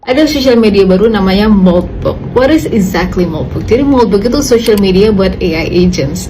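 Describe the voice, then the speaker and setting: A woman's voice: mid-range voice, expressive, normal speed, over music. A young woman with an Indonesian accent explains casually, posing her own questions and mixing in English phrases. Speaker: tech content creator. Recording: clearly noisy ambient background.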